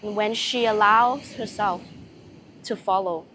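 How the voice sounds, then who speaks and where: A woman voicing a serene, loving goddess in a channelled spiritual message, speaking solemnly with long pauses between short phrases. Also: mid-range voice, a bit bright, a little hiss or hum, close to an everyday voice.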